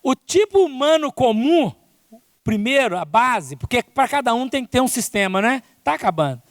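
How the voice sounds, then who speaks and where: A man with a Brazilian accent delivers a spiritist lecture in a conference hall, frequently ending his sentences with "né?" and "não é?". His voice is very high, with wide pitch swings and a moderate pace. The sound is clean and studio-like, though the big hall adds a long reverb.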